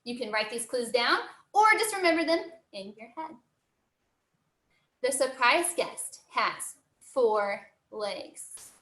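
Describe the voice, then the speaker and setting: Casting: American woman, cheerful zookeeper type teaching kids online, high-pitched voice, roomy echo. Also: lively intonation, takes it slowly, fairly bright tone. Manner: cheery, encouraging zookeeper manner. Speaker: zoo educator. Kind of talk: live online lesson for children. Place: indoor room, online video call. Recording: roomy, echoing sound.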